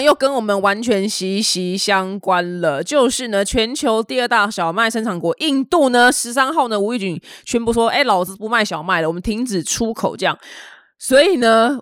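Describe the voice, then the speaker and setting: A woman's voice: medium pitch, no room sound, clean studio sound. A woman from Taiwan, hosting a casual news commentary in a chatty, opinionated way.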